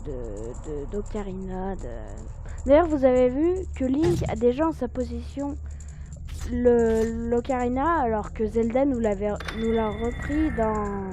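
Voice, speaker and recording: Hoarse, high-voiced woman gamer. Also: animated, a little slow, warm tone, slight background noise. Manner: informal, youthful slang. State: hoarse, strained throat. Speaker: let's play host. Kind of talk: casual game commentary, reading dialogue aloud.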